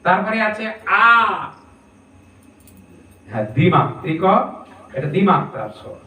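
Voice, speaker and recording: A man's voice: sits high, very animated, unhurried, narrow, tinny audio. A man preaching a scripture sermon, explaining step by step and asking his listeners rhetorical questions. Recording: echoey room, distant mic, faint noise.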